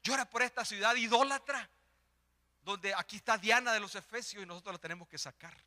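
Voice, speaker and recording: Bright-voiced older man preaching passionately. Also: high-pitched, a little fast. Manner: swings from hushed pleading to impassioned shouting. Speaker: lay preacher. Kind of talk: sermon. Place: church.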